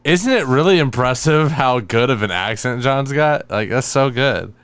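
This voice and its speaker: A man's voice: medium pitch, animated, moderate pace, fairly bright tone, clear, resonant tone, dry recording, studio quality. A man co-hosting a podcast, teasing his partner, laughing and swearing freely. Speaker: podcast co-host. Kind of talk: casual comedic podcast banter.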